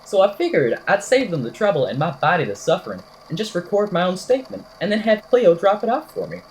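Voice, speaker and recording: Playing an eccentric, whimsical podcaster, a woman narrates a supernatural tale for an amateur audio drama. She's a fast talker with a fairly low voice that moves about lively, her delivery wordy, theatrical, and dryly deadpan, her mood grandly whimsical. It's a rough recording with a bit of noise behind it.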